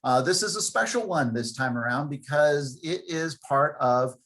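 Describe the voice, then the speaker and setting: A man's voice: a little high, normal speed, a bit bright. A man hosting an online wine tasting over a video call, chatting loosely with plenty of filler words. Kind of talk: casual live-stream hosting.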